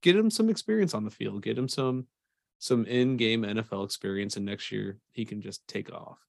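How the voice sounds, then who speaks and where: Low-voiced man hyping football on a podcast. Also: normal speed, creaky, no room sound, studio quality. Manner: enthusiastic, rambling fan talk. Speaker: podcast co-host. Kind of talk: casual sports chat.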